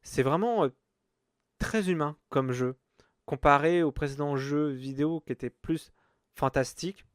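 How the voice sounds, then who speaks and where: A man's voice: fairly high pitch, unhurried, clean tone, no echo, studio quality. Rambling French-speaking man reviewing a game. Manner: rambling, many fillers and restarts. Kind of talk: casual video game review.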